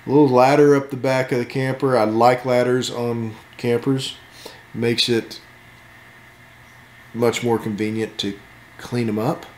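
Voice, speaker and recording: A man's voice: mid-range voice, level tone, unhurried, pauses often, a little mellow, reverberant, slight background noise. A man casually walking through a camper as an RV channel host, joking and laid-back in his asides. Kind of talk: casual walkthrough commentary. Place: inside a camper at an RV show.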